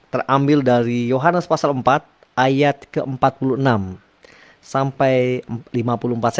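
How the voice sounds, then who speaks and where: A male preacher who reads scripture and preaches earnestly, often turning to address his listeners directly. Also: fairly high pitch. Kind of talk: sermon with scripture reading.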